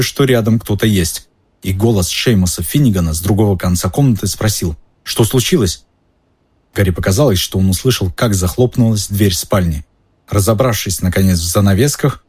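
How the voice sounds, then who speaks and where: A man reading a story aloud in an expressive, measured way. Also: fairly low pitch, slightly rough. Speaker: audiobook narrator. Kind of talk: dramatic audiobook reading.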